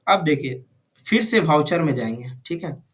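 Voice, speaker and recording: A computer course teacher leads a live classroom lesson, frequently asking questions to check whether his students are following. His voice is on the high side and animated, at a moderate pace.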